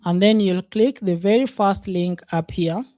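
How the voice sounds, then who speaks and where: Mellow-voiced man teaching coding. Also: high voice, no echo. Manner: unhurried, thinks aloud with many fillers. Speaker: programming instructor. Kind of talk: casual screen-share coding lesson.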